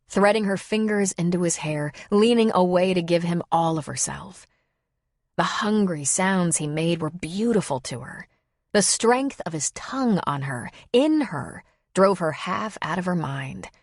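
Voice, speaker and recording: A woman with a lowish voice reads an audiobook in a brisk, even manner. The sound is dry and close, with no room around it. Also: no echo. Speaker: audiobook narrator. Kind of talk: scripted narration.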